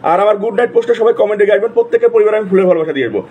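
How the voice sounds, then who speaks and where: A man hosting a live stream, repeatedly calling out viewers' names in rapid, repetitive bursts. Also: high voice, expressive, breathy edge, narrow, tinny audio. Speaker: livestream host. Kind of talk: casual live-stream shout-outs.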